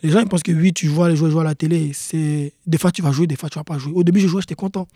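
Young male athlete guest, quick earnest delivery, warm tone, dry close mic. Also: fairly high pitch, fairly even intonation, dry recording. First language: not English. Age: young adult. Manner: repeats key points, earnest. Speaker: guest, pro soccer player. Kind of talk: casual interview talk.

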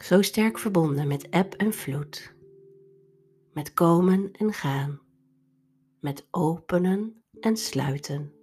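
A woman guides a meditation very slowly over soft background music. Her voice is on the low side and breathy, with a soft, soothing delivery. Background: instrumental music.

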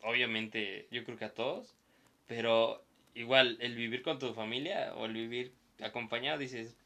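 A man's voice: medium pitch, steady tone, moderate pace, bright, forceful tone. A young man with a Mexican Spanish accent telling a story in casual chat, acting out quoted voices and laughing often.

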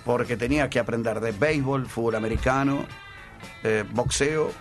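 A man's voice: mid-range voice, moderate pace, soft background music. An older man with a Rioplatense accent, a former sports broadcaster, telling anecdotes casually in a radio interview and often repeating words as he searches for the next one. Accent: Rioplatense Spanish.

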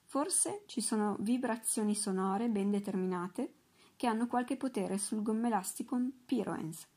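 A woman's voice: a little slow, dark tone, slightly rough. A woman reading aloud voices an eccentric old male professor in a storybook, fussy and full of enthusiasm. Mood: lecturing. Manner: fussy, shrill bursts of enthusiasm.

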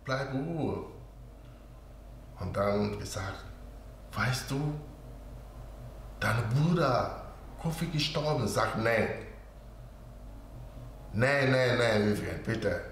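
A man who is not a native German speaker, slowly telling a personal story in broken German as an interview guest, full of pauses and quoted dialogue. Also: medium pitch, animated, fairly bright tone. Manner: slow, hesitant, with many fillers and quoted dialogue. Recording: very echoey room with faint background noise.

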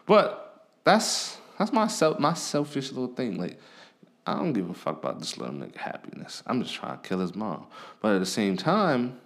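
A man's voice: medium pitch, huge pitch swings, moderate pace, a bit bright. A man hosting a podcast, talking in a blunt, profane, casual rant. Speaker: podcast host. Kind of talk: casual ranting monologue.

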